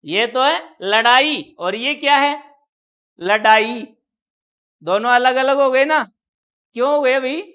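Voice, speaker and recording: A man's voice: very high-pitched, a little slow, a bit bright, clean tone. A man teaching Hindi grammar in a classroom lecture. He explains step by step, keeps quizzing the students with repeated questions, and draws out syllables when he sounds out example words.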